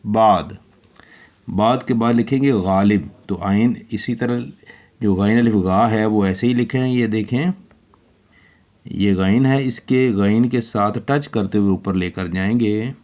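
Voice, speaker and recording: Slow, low-voiced man teaching children. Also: darkish tone. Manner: slow, spelling out letters one by one. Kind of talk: handwriting lesson for children.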